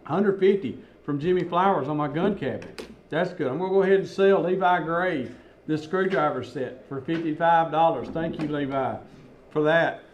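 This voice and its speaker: A man's voice: fairly high pitch, dull audio, a little hiss or hum. Folksy man calling radio auction bids. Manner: folksy, chuckling, reads bids off quickly. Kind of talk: live radio auction chat.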